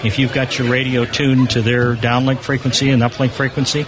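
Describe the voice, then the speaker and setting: Speaking fairly quickly in a medium-pitched, flat delivery, an American man represents an amateur satellite organization in an interview. He explains things informally and with enthusiasm at a convention hall exhibition booth. Behind him, the busy convention floor produces constant crowd chatter.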